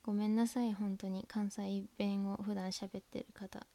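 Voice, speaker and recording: A woman with a Tohoku accent hosting a casual solo podcast from home, talking softly and rambling with many fillers and whispered asides into a laptop mic. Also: medium pitch, level tone, normal speed. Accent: Tohoku Japanese. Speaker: podcast host. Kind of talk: casual solo radio chat. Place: at home by an open window. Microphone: laptop built-in mic.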